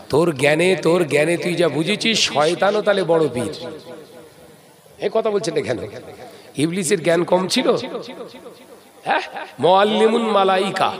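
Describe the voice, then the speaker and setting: A hoarse male preacher with a West Bengal Bengali accent, delivering a sermon to a tent gathering and firing rhetorical questions at the crowd. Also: sits high. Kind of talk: sermon at an outdoor religious gathering.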